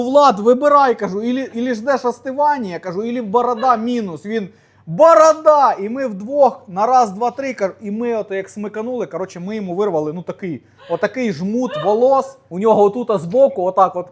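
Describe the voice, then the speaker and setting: A man, owner of a plaster decor workshop, telling anecdotes in a lively, colloquial way during an interview. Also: sits high. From Ukraine. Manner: animated, vivid anecdotes, colloquial. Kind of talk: interview storytelling.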